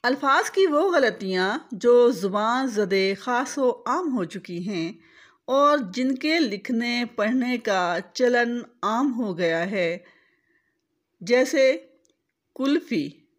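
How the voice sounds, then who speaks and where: A woman's voice: a little high, lively intonation, slow pace. A woman teaching correct pronunciation, spelling out vowel marks letter by letter and repeating each word. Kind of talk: slow, deliberate instructional explanation.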